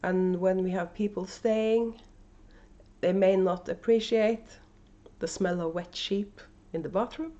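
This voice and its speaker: On her knitting video podcast, a Norwegian-accented woman speaks unscripted and relaxed at home, often restarting and using fillers. The medium pitch stays steady, her pace is unhurried and her tone warm, though the highs are missing. A camera microphone picks her up indoors.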